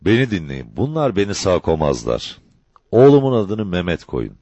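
A man's voice: low-pitched, big pitch swings, moderate pace, mellow, no echo, highs cut off. A man voicing a wounded young outlaw who speaks in strained, solemn declarations.

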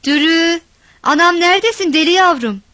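A woman doing a shrill village mother yelling. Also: animated, moderate pace, dry recording. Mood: shouting. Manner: shrill scolding calls. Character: loud fiery village mother, shouting.

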